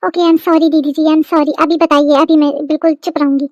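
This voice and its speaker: A woman's voice: high voice, little pitch movement, fast, a little mellow, dry recording, lo-fi sound, natural voice. A woman voicing a prim young daughter-in-law in a cartoon, sprinkling English into polite Hindi. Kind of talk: cartoon comedy voice acting.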